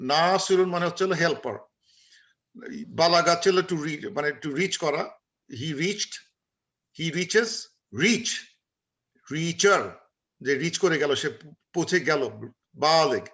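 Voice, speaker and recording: A man's voice: fairly high pitch, bright, forceful tone. A man with a Bangladeshi accent teaching an online grammar class over a video call, drilling words by repeating them, with many filler sounds.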